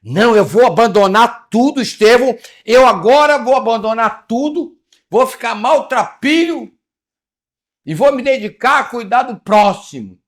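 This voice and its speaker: A man putting on the voice of an overzealous man who vows to give up everything and live in rags. He declaims it fervently, raised and loud. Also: very high-pitched, lively intonation, a little slow, voice pushed up.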